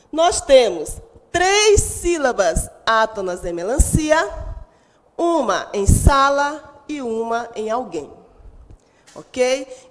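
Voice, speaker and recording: A woman's voice: a little high, big-room sound. A woman teacher with a Brazilian Portuguese accent gives a recorded lesson to sixth graders. She speaks emphatically, stretches out stressed syllables and puts questions to the pupils at home.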